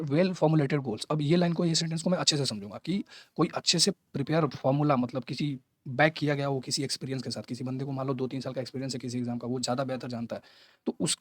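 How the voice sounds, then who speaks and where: A man walking through an exam passage in a casual tutorial, chatty and mixing English terms into his talk while reading quoted lines slowly. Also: on the high side, dry recording. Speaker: exam prep teacher.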